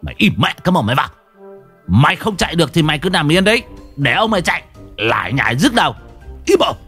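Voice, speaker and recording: A man's voice: medium pitch, sing-song, measured pace, faint music behind. A man voicing a brash, hot-tempered old man built like a bull, who boasts, swears and bellows. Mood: yelling.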